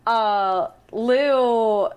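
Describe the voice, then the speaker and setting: A woman's voice: a little high, drawn-out words, a little mellow, clear, resonant tone. Casual woman thinking aloud. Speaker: podcast co-host. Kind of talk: casual chat.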